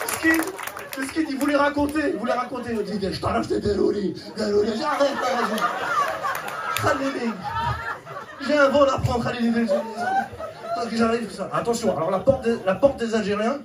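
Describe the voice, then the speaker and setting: A man tells a stand-up story in a chatty way and acts out the people in it. His voice sits high. He is recorded from a distance in an echoey club, over a loud laughing audience. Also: big pitch swings, normal speed, very noisy. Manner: chatty, acting out characters. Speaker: stand-up comedian. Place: comedy club stage. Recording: far-off mic, roomy hall with loud crowd.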